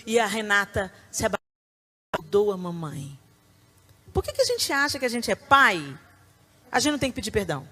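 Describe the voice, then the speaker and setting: A middle-aged woman with a Brazilian Portuguese accent, preaching to a conference audience with emphatic, animated delivery and sudden loud bursts. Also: a little high. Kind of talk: sermon. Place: conference hall before a live audience.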